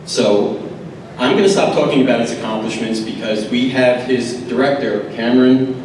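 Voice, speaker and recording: A man giving an informal, halting and heartfelt tribute speech at an induction ceremony. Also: medium pitch. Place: large echoey event room, far from microphone. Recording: very echoey, distant, very noisy event recording.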